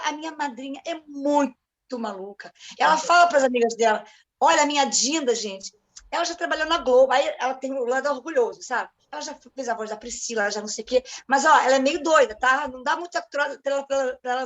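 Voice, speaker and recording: A woman with a Rio de Janeiro Brazilian accent telling stories in casual chat, animated and acting out the dialogue in different voices. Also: sits high, fast. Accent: Brazilian Portuguese, Rio de Janeiro.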